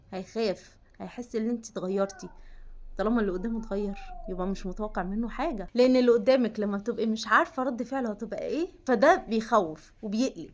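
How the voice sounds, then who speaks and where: A young adult woman with an Egyptian Arabic accent, giving emphatic, coaching advice straight to the viewer in a self-help vlog. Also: on the high side. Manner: emphatic, coaching, addresses listener as "you".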